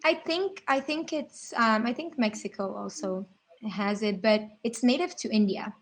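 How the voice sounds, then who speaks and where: A woman's voice: on the high side, a little slow. A woman from Brazil, explaining skin oils in a casual livestream chat, full of fillers and restarts. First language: Portuguese.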